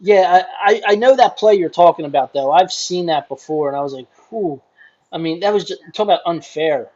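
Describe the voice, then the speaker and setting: A man co-hosting a casual sports podcast, chatting in a relaxed way with short reactions. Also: high-pitched, fairly quick, lo-fi sound. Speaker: podcast co-host.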